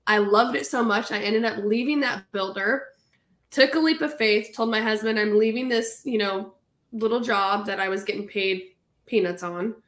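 A woman in her thirties from California, an entrepreneur guest telling her story in an animated, chatty way. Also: medium pitch, normal speed, roomy sound. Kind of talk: casual interview storytelling.

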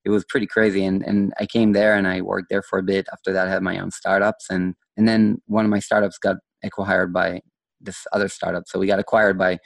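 A man telling his story casually as a podcast guest, halting as he thinks aloud. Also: sits low, level tone, creaky, no echo. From Israel. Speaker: podcast guest, design entrepreneur.

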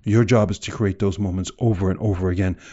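A man's voice: sits low, steady tone, fast talker, mellow, muffled recording. A man delivering a motivational speech in an emphatic, direct way, full of rhetorical questions and repetition. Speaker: motivational speaker.

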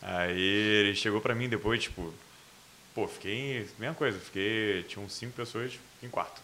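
A man with a Brazilian accent hosting a casual interview, chiming in with slang and quick backchannels. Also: fairly low pitch, pushed and bright, a little hiss or hum. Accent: Brazilian Portuguese. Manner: fast slangy talk, many short backchannels. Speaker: interview host.

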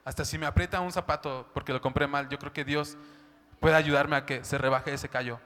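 A man's voice: a little high, steady tone, fairly quick, bright, forceful tone. A man preaching a sermon, talking in a chatty way and often asking "¿no?". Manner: conversational, keeps asking "¿no?" and "¿sabes?". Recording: long hall reverb.

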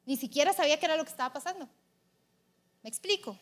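Young woman preacher, high voice, lively and confessional. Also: fast talker. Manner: animated and confessional, shifting between loud and hushed. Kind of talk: sermon.

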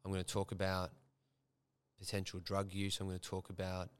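A man's voice: low voice, monotone, fairly quick, clear, resonant tone. A young man, hosting a podcast and telling a personal story frankly, swearing freely. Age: young adult. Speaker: podcast host.

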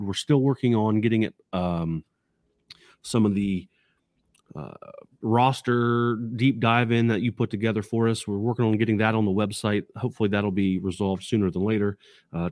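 A man with a fairly low voice co-hosts a casual sports podcast, sounding upbeat and excited. He records in a basement home studio, and there is no echo.

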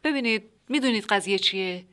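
A woman's voice: medium pitch, a bit bright. A woman narrating and hosting a comic radio drama, chatty and a little flustered, often apologizing to the other characters. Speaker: narrator and host.

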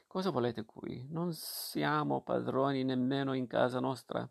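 A man reading aloud and voicing a shrill, insolent older woman who scolds loudly. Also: steady tone, measured pace, creaky. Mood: scolding. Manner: loud and scolding.

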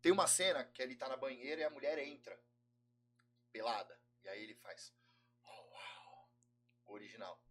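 Fast, bright-voiced Brazilian man. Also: mid-range voice, animated. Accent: Brazilian Portuguese. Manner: enthusiastic, explains at length. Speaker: guest. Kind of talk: casual podcast chat.

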